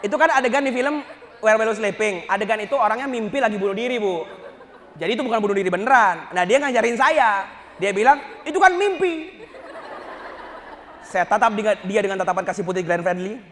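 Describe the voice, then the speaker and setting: A male Islamic preacher giving a humorous lecture, joking and telling stories with animated energy. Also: high voice, quick pace, big-room sound, slight background noise.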